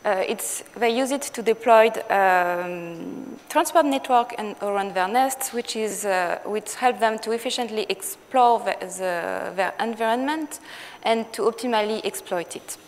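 A woman's voice: mid-range voice, measured pace. A woman with a French accent giving a scientific conference talk, with many fillers and restarts. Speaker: conference speaker. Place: lecture hall. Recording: long hall reverb with faint noise.

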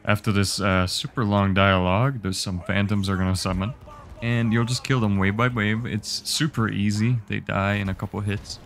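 In a fairly low, steady voice, a young man talks listeners through a game guide one step at a time. His delivery is relaxed, instructive and never rushed.

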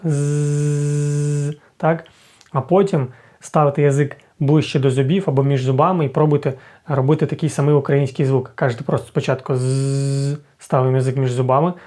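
A man teaching an English lesson, patiently explaining and repeating sounds slowly to demonstrate them. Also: fairly high pitch, dark tone.

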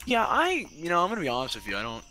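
A man's voice: medium pitch, very animated, rapid-fire, sharp tone, slight background noise. A young man, a scared and jumpy horror game streamer chatting casually with a friend as he plays. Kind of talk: casual gameplay commentary with a friend.

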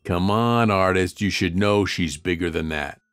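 A man voicing a big, gruff but patient guard dog with a deadpan, weary manner in a comic dub. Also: deep voice, unhurried, no room sound.

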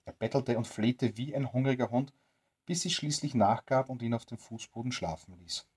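A storyteller reading a bedtime story aloud to children, in a gentle, expressive way. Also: medium pitch, moderate pace, breathy edge.

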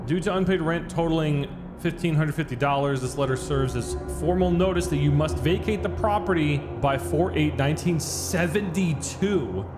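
A man's voice: a little high, normal speed. A man giving casual, sweary horror game commentary as a scared streamer, mixing jumpy reactions with wry jokes. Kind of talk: casual let's-play commentary. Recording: loud game music and sound effects behind. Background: horror game soundtrack.

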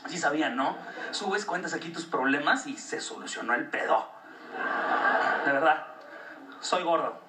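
A man's voice: fairly high pitch, a little slow, pauses often. A Mexican man doing a stand-up routine, crude, slangy and self-mocking. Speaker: stand-up comedian. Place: comedy stage before an audience. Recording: roomy club audio, distant mic, noisy.

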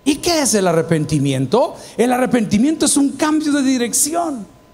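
Brief: Salvadoran man, pastor preaching a lively sermon in a church, very high voice, peppers the crowd with questions. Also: normal speed. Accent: Salvadoran Spanish. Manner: animated preaching, acts out quoted voices, asks the congregation questions. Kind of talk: sermon to a congregation. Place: church hall.

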